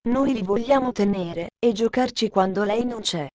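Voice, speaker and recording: A woman voicing a gentle young girl from a wealthy home in a storybook reading, speaking in a pleading way. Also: on the high side, moderate pace, muffled recording, a loud crowd, lightly acted.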